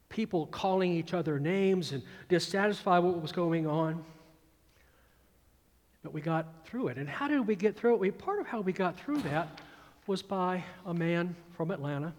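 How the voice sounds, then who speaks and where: A man's voice: fairly high pitch, in a large hall. A man in his sixties with a Georgia accent, preaching a sermon with emphatic repetition and recited verse. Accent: Georgia Southern. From American South. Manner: emphatic, repeats phrases, recites verse with swelling volume. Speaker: pastor.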